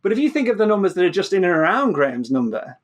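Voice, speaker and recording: The British physicist and author talks fast on the podcast, his high voice swinging widely in pitch. He explains his ideas casually as a guest, repeatedly restarting sentences and repeating words.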